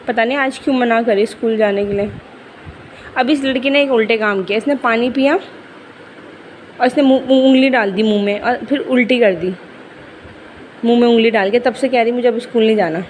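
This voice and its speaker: A young woman filming a casual home vlog, chatting about her day and coaxing her little daughter in a lively sing-song. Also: fairly high pitch, normal speed, long pauses, slight background noise, low-quality recording. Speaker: vlogger mother.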